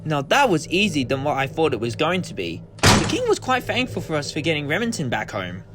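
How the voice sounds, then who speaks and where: The Doctor, a high, theatrical time traveller played by a man. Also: sing-song, a little fast. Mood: assured. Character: eccentric, confident time-travelling explorer, male. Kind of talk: fan audio drama acting. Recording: loud background noise and ambience.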